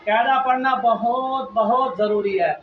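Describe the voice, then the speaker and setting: A man teaching children to read the Quran, drilling them with repeated questions and loud emphasis, with a Pakistani Urdu accent. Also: very high voice, a little slow. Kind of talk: classroom lesson to children. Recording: echoey, distant, muffled, noisy room.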